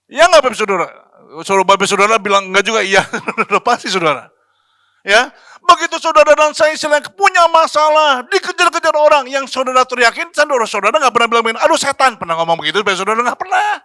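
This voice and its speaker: A man's voice: very high voice, expressive, fast, sharp tone, dry recording, clean studio sound. A man preaching a sermon as pastor, talking in a chatty, slangy way and asking the congregation questions. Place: church.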